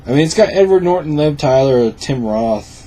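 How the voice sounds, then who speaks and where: A man's voice: a little high, expressive, normal speed, warm tone, poor audio. A drunk man chatting casually as he reviews a film, swearing freely. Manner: profane.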